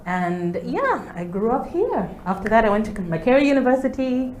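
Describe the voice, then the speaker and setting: A woman's voice: fairly high pitch, big pitch swings, moderate pace, darkish tone. Ugandan woman in her 40s talking on a show, roomy studio echo, faint hiss. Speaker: guest. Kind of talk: interview conversation. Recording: echoey studio with faint noise.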